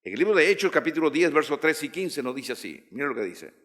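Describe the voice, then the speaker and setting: Man, sermon, emphatic, lively pitch, reverberant hall. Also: fast. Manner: emphatic, rising to loud calls and dropping low. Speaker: preacher.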